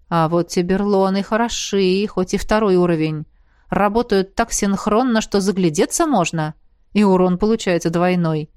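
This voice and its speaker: A woman reads a fantasy novel aloud in steady, even narration. Her voice sits at a middle pitch. The recording is close and dry, with no room around it. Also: no echo. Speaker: audiobook narrator. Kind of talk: scripted narration.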